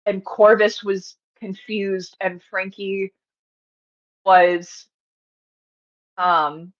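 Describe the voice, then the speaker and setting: A woman describing her character in a tabletop game, pausing often as she searches for her words. Her speech is slow, and the audio is muffled and lo-fi. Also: medium pitch. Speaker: player.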